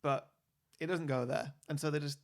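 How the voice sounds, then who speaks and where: A man's voice: a little high, fairly even intonation, moderate pace. Hesitant man mulling over a film. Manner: thoughtful, hesitant, with many restarts. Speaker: podcast co-host. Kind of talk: casual film discussion.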